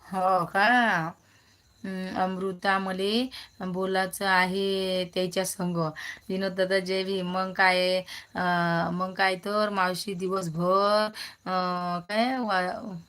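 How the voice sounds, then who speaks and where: A woman's voice: medium pitch, flat delivery, slow, fairly bright tone, clean tone. A woman, hosting a casual phone live stream, chatting and greeting viewers by name as she reads their comments.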